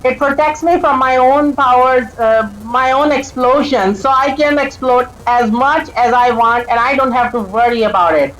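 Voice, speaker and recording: Stumbling woman game commentator, higher voice. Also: moderate pace, few pauses, fairly bright tone, low-quality recording. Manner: stuttering, flubs and restarts lines, laughs often. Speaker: gameplay commentator. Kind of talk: casual let's-play commentary.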